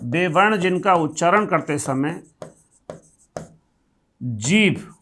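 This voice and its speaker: High-voiced man teaching grammar. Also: animated, takes it slowly, fairly bright tone, a little hiss or hum. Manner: explains step by step, repeats key terms, asks and answers own questions. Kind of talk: classroom grammar lecture.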